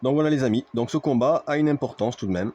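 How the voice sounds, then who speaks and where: A man's voice: medium pitch, quick pace, warm tone, highs cut off. A man giving play-by-play wrestling commentary on a video game match, speaking to his viewers like a ringside commentator with repeated exclamations.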